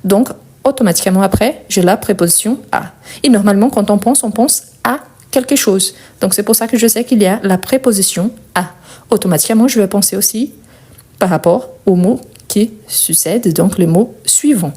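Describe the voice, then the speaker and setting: A woman's voice: medium pitch, moderate pace, warm tone. Patient woman teaching grammar live. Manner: patient, explanatory, repeats key words. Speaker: French teacher. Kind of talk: live-streamed grammar lesson.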